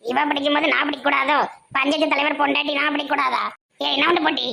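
A woman with a Tirunelveli Tamil accent, playing a loud quarrelsome villager in a comedy sketch. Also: high-pitched, flat delivery, fast, gravelly.

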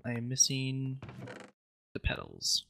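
A man's voice: medium pitch, wildly swooping pitch, slow, creaky, bright, forceful tone, slight background noise. A man co-hosting a casual co-op game session, teasing his partner and giggling while he crafts. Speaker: co-host gamer. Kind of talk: casual co-op gameplay chat.

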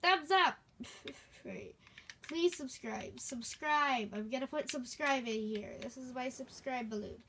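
Slow, chatty woman, higher voice. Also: vocal fry, a bit bright, slight background noise. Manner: chatty, rambling, playful. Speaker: gaming video host. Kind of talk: casual gameplay commentary.

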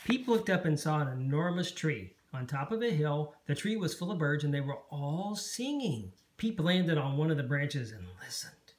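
A parent reading a picture book aloud at bedtime, slow and expressive. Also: medium pitch, a little hiss or hum.

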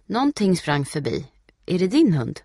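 A man's voice: sits high, wildly swooping pitch, darkish tone, no echo, studio quality, voice pushed up, heavily acted. A man reading aloud, voicing a helpful older village woman who answers in a matter-of-fact way.

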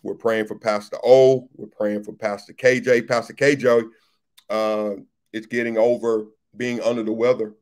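A man's voice: on the low side, level tone, normal speed, a little mellow. Chatty pastor greeting his viewers. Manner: chatty, repeats phrases, greets viewers by name. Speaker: pastor and livestream host. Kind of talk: casual livestream chat reading viewer comments.

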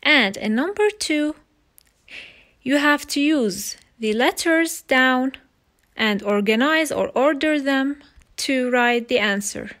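A woman teaching young children English over slides, slow and patient, repeating each word. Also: high voice, animated, fairly bright tone. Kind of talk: recorded slide lesson for children.

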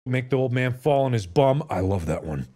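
A man hosting a let's play, loud and excitable, laughing constantly and slipping into goofy voices. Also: medium pitch, normal speed. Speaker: gaming video host.

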